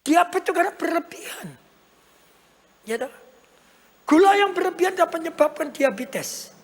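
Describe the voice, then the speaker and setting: A woman's voice: very high voice, expressive, moderate pace. A woman preaching a sermon, emphatic and repetitive, often asking rhetorical questions. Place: large church hall. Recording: church hall reverb.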